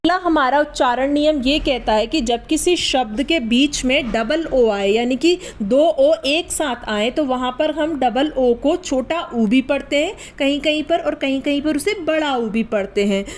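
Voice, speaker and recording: A woman gives an online spoken English lesson at an unhurried pace. Her voice sits high, and she spells out each word slowly, letter by letter, checking that her viewers follow. She explains like a patient teacher. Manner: asks the class if it is clear.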